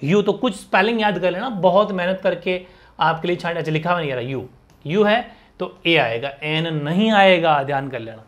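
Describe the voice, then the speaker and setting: A man's voice: high voice, normal speed, a bit bright. A man teaching an exam-prep grammar lesson, who keeps asking rhetorical questions and repeating letter sounds aloud.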